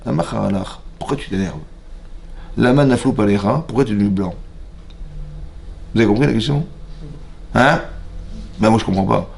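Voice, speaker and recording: A man with a French accent leads a Torah class in a synagogue hall, his voice rough with gravel. He tells the story vividly, reads verses aloud, and keeps checking whether the room has followed. A faint hiss sits under the recording. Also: on the low side. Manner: lively storytelling, reads Hebrew verses then explains them, questions the audience. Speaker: rabbi teaching a Torah class. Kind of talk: animated Torah lesson to a mixed class.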